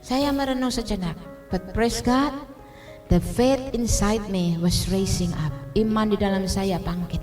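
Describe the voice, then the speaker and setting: A woman's voice: medium pitch, a little slow, darkish tone, faint music behind. A woman from Indonesia preaching a testimony sermon in church, switching between Indonesian and English and translating herself, often asking her listeners if they understand. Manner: addresses listeners directly, checks they understand.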